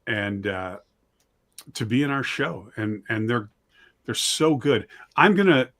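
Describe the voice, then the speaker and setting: Slow but animated, this mid-range male voice has a slightly bright edge. As an interview guest, the audio drama writer-director talks casually and plainly, pokes fun at himself, and presses hard on what he believes.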